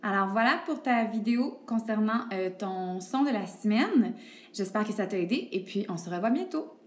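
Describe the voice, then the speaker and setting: A woman's voice: mid-range voice, lively intonation, normal speed. A woman teacher gives a recorded phonics lesson to young pupils. She spells out letters patiently and checks in with "Ok?". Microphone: tablet microphone.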